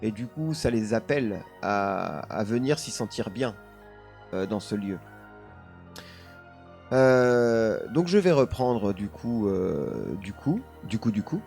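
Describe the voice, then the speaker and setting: A man's voice: on the low side, very animated, slow pace, gravelly, a little mellow, faint music behind. A man streaming live, casually telling a paranormal story while chatting with his viewers, laughing often and leaning on the same filler words.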